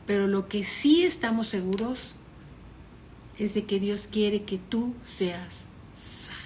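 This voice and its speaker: A woman pastor preaching a fervent sermon, retelling scenes dramatically with sudden loud peaks. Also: a little high, a little hiss or hum.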